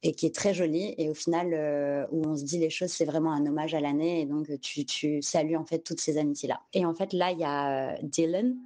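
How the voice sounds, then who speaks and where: Speaking low and warm with fairly even intonation, a woman from France shares a personal story candidly on a podcast. She's unhurried, hunts for her words, and mixes English terms into her French.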